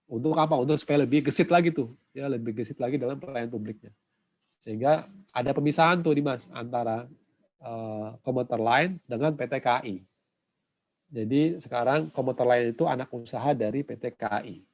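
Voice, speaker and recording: Man lecturing with halting fillers. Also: mid-range voice, darkish tone, rough recording. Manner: halting, many "eh" fillers and tag "ya". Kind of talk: online class discussion.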